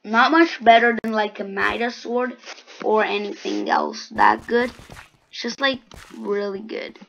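A woman's voice: medium pitch, big pitch swings, a little slow, creaky, a bit bright, muffled recording. A woman hosting a gaming channel, giving casual gameplay commentary with sarcastic, grumbling asides.

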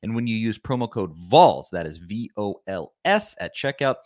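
Young man, low voice, upbeat ad read, dry close sound, home room. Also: sing-song, moderate pace, a little mellow, dry recording. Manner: upbeat, smooth ad delivery. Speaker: podcast host. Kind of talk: read sponsor ad.

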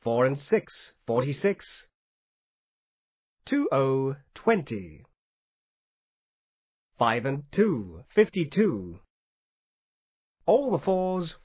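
Slow, deliberate male bingo caller. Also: a little high, dark tone, breathy edge, no room sound. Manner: clipped, formulaic announcing in short separate phrases. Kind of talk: measured scripted bingo number calling.

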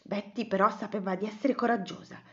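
A woman narrating and dramatizing a children's picture story with an animated, expressive delivery. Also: mid-range voice, brisk, highs cut off.

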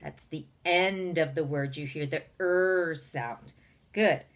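Woman teacher, phonics lesson for young children; slow, deliberate, encouraging delivery. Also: low voice. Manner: slow, carefully enunciated, encouraging.

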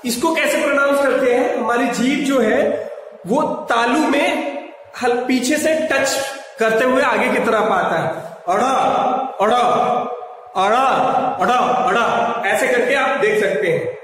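A man giving a pronunciation lesson, patiently drilling words slowly one at a time and calling his viewers friends. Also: very high voice, a bit bright. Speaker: teacher. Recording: echoey room, mic far off.

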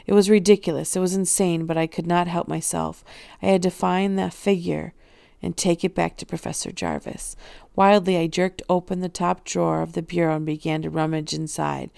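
Woman reading a book chapter aloud, gravelly fry, steady pace, lowish voice. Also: normal speed, no echo. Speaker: audiobook reader. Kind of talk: first-person novel narration.

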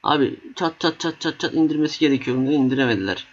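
A young man giving excited, swear-laden commentary while playing a battle simulator game, cheering on his units. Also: a little high, quick pace. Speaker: gaming YouTuber. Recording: slightly dull lo-fi mic.

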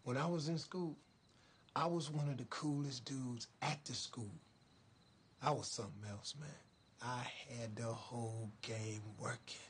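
A man's voice: mid-range voice, a bit bright, slightly rough. A middle-aged actor with an American accent playing a proud, plain-spoken father in a film drama. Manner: plain-spoken, heartfelt, colloquial. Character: earnest, proud father counseling his teenage son. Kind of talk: naturalistic film drama acting.

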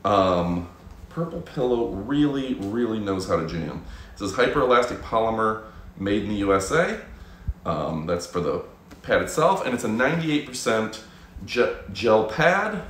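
A man's voice: fairly low pitch, sing-song, a little slow, fairly bright tone. A man in his thirties hosting a live product review from his home studio, upbeat and salesy, calling his viewers folks. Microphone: fixed camera, moves around the room. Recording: roomy home studio echo, faint noise.

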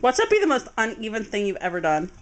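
A woman's voice: on the high side, huge pitch swings, quick pace. A young woman arguing playfully with a friend in casual chat while baking in a home kitchen, recorded on a handheld camcorder. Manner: playful, argumentative banter. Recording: noisy home camcorder audio.

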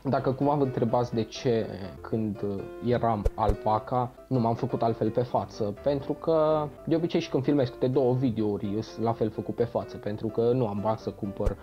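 A man's voice: mid-range voice, few pauses, soft background music. A man making a casual vlog, joking and self-mocking, heard from a dull lo-fi clip. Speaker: fan video maker in played clip.

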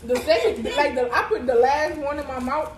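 A woman's voice: high voice, brisk. A young adult woman chatting casually as she hosts a challenge video, recorded by a camera in an echoey, noisy living room. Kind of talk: casual chat. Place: living room sofa, indoors. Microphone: camera a short distance away.

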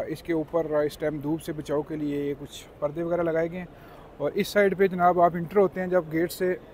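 A man's voice: a little high, slight background noise. A man in his thirties giving a polite, explanatory guided tour to his viewers in a casual vlog. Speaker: travel vlogger. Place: car, outdoor plaza, then mosque interior.

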